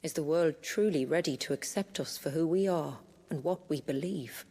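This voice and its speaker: An actress playing a proud, protective warrior chief in a video game, speaking in a solemn, deliberate way. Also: female voice, sits low, warm tone, husky. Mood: guarded, proud. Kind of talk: dramatic video game acting. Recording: long reverb, music behind.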